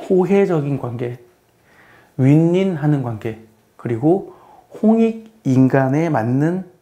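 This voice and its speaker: In a casual spoken lecture, a middle-aged math teacher explains in a plain tone, frequently repeating phrases and posing questions to the listener. He has a medium-pitched, dark voice.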